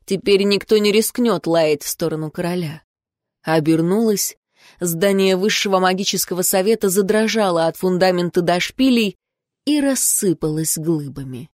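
A woman's voice: on the low side, normal speed, darkish tone, no room sound, studio quality. A woman narrating an audiobook in the first person, reading expressively.

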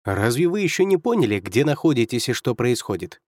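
Cheerful young officer, read by a man narrator: lifted, brisk, amused, dry recording. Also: mid-range voice, no room sound. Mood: cheery, amused. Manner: brisk, amused, raised lively voice. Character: cheerful stocky young male military officer. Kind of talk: audiobook character voice.

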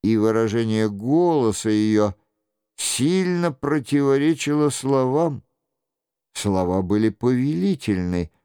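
A man reading a historical novel aloud in measured, even storytelling narration. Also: medium pitch, smooth, no echo, studio quality. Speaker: audiobook reader.

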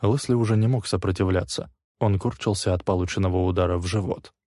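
A man reading a crime thriller aloud in steady, even scripted narration. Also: deep voice, fast, no room sound, studio quality.

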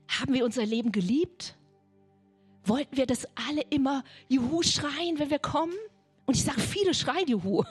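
A woman delivers a charismatic sermon in a husky, slightly higher voice. She speaks slowly and fervently, repeats her phrases and sinks into a soft near-whisper. Quiet music plays under her. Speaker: preacher.

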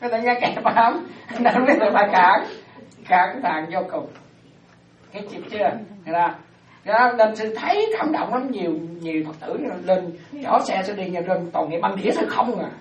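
A woman Buddhist teacher giving an animated dharma talk to lay followers, often checking that they follow. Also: medium pitch, moderate pace. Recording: roomy, distant, dull lo-fi sound.

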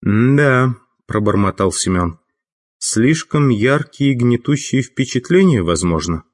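A man voicing an unflappable veteran male mage who talks unhurried and matter-of-fact, in an audiobook. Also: mid-range voice, lively intonation, pitched above the performer's own voice. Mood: curious.

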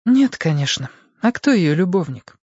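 A man reading a novel aloud, voicing a quiet, melancholy Danish woman who speaks softly and flatly. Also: fairly low pitch, normal speed, husky, dry recording, highs cut off, voice pushed up. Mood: wry. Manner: flat, toneless; softly whispered. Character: quiet, sad Danish woman in her prime.

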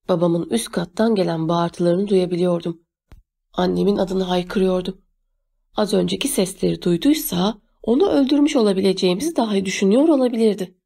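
An audiobook narrator reads a first-person novel in a measured, steady way. Her mid-range voice is mellow and warm, and her storytelling feels rounded and unhurried.

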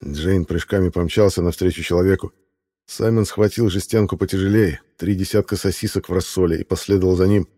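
A man narrating an audiobook in a steady, even storytelling voice. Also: sits low, brisk.

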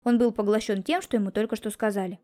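A woman giving calm, composed first-person narration of a detective story for an audiobook. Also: mid-range voice, quick pace.

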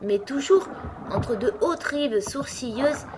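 A woman narrating an audiobook in a calm, even storytelling manner. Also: sits high, takes it slowly, background noise. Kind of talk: scripted narration.

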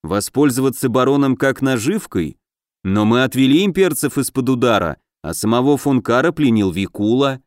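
A stern, gruff commander in an audiobook fantasy, giving terse orders, as a man puts him on. Dry, close reading. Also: expressive, moderate pace, dry recording, lightly acted. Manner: low, gruff growl. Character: stern male commander, clan leader, gruff.

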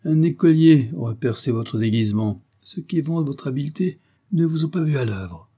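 A man's voice: on the high side, sing-song, normal speed, mellow, slightly rough, pitched above the performer's own voice. A man doing a sneering, mocking villain. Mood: taunting. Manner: mocking, hypocritically polite. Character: sneering villainous male gang leader.

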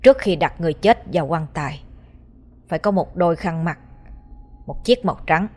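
A woman's voice: on the low side, animated, fairly quick, darkish tone. A woman voicing a stern old man who is a village ritual master, giving commanding instructions in an audio ghost story.

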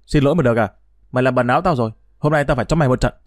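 A man's voice: mid-range voice, very fast, dry recording, clean studio sound, natural voice. A man voicing a rude, swaggering schoolboy bully, talking bluntly and crudely in a storytelling reading. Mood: threatening.

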